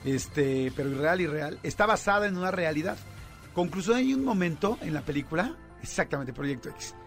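A man with a Mexican accent hosting a radio show, telling a story in a lively way with lots of fillers. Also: on the high side, moderate pace, soft background music. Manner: animated storytelling with many fillers. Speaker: radio host. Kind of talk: casual radio chat.

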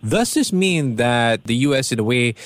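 Brief: male radio host, mid pitch, dry close studio mic, conversational with a playful touch. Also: big pitch swings, normal speed, a bit bright, no room sound. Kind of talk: radio interview.

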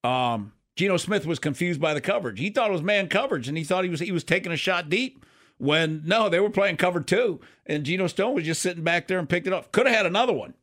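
A man with a slightly high voice gives casual football commentary as a radio co-host. He talks in emphatic, conversational bursts, often repeating his phrasing for weight. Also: animated, fast, fairly bright tone.

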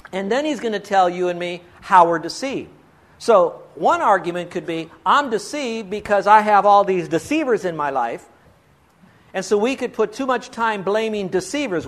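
A man's voice: sits high, expressive, moderate pace. A man preaching a sermon as pastor, earnest and pleading, asking his listeners rhetorical questions.

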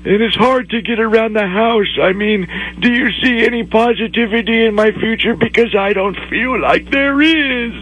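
A man's voice: high voice, normal speed, a bit bright, a little hiss or hum. A man voicing a frail, fretful elderly man who rambles plaintively and hesitantly on a prank phone call. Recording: muffled phone-call radio recording.

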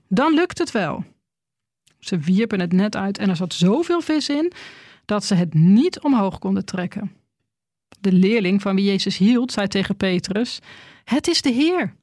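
A woman preacher giving a sermon, first reading a scripture passage in a measured, deliberate way and then speaking to her listeners. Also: mid-range voice, no echo, studio quality.

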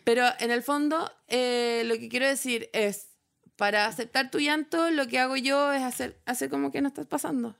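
Chilean woman podcast cohost, kinda high voice, rambly stop-start storytelling. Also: fairly even intonation, vocal fry, a bit bright. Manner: rambling storyteller, halting restarts. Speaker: podcast co-host. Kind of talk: casual chat.

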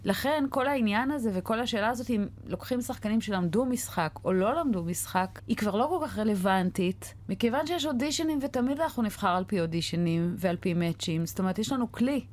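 Casting: Israeli-accented woman, mid-pitched, emphatic interview guest in natural conversation. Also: animated, hardly any pauses, a little mellow.

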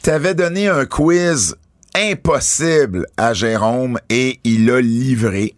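A man with a Quebec French accent hosting a casual wrestling podcast, animated and quick with asides. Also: medium pitch, no echo, faint music behind. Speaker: podcast host.

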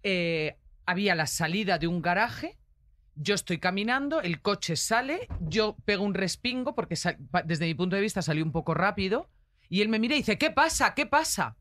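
A woman's voice: medium pitch, normal speed, no room sound, studio quality. A woman, a guest telling stories with assurance and playful energy. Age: 40s. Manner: assured storyteller, animated and playful. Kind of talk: casual chat.

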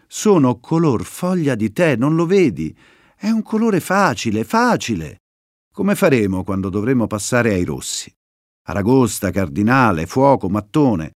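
A man's voice: mid-range voice, sing-song, unhurried, dry recording, studio quality. A man voicing a proud young female viper, an artist who talks in a fussy, exasperated way.

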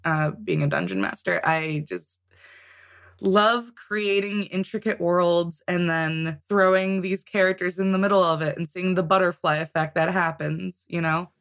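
Chatty woman guest, low-pitched. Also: unhurried, a bit bright. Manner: chatty, laughs often, many ums. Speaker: podcast guest, tabletop game author. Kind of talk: casual interview chat.

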